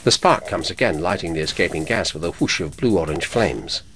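A man narrating an audio description in a measured, neutral manner. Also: low-pitched, expressive, music in the background. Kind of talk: scripted narration.

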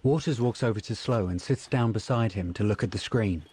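A man reading scripted audio description for a film in a measured, descriptive manner. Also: lowish voice, dark tone, slight background noise.

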